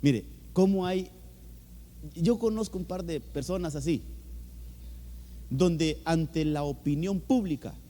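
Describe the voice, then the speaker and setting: A man's voice: on the high side, slow, pauses often, dark tone. A pastor with a Honduran accent preaching a sermon in a church, emphatic, repeating his words and calling the listeners brother. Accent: Honduran Spanish. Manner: emphatic, repeats words, often says "hermano". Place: church hall. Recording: church hall with long reverb.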